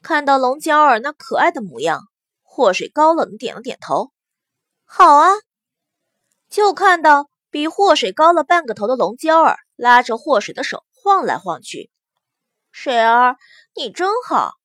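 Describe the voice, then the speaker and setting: A woman reads a novel aloud in a high, lively voice. Her storytelling is expressive, and the recording is close and completely dry. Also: moderate pace, no room sound. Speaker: narrator. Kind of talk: scripted audiobook narration. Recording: dry close studio sound.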